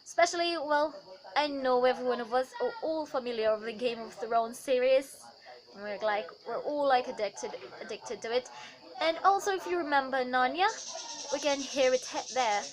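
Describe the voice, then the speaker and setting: A woman's voice: high-pitched, normal speed, a crowd in the background, poor audio. A young woman giving a casual vlog lesson on pronunciation, chatty, with many fillers and self-corrections. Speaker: accent tutor.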